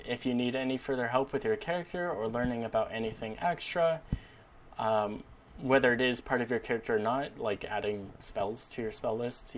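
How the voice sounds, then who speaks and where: A man running a tabletop game chats after the session, laying out what comes next step by step. His pitch is middling, with faint noise behind him. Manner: explains plans step by step, friendly. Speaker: game master.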